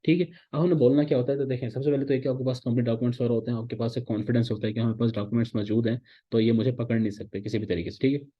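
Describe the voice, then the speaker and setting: A man's voice: mid-range voice, fairly even intonation, racing, few pauses. A man from Pakistan teaching a class of interns, explaining patiently and mixing in English phrases. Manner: explains patiently, repeats "ठीक है" often, mixes English phrases. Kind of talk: online class lecture. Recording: dull lo-fi sound.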